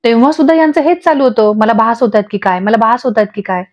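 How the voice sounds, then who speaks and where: A woman's voice: a little high, expressive, quick pace, no room sound, natural voice. A woman voicing a sarcastic young wife with snappy, bristling replies. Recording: dull lo-fi audio.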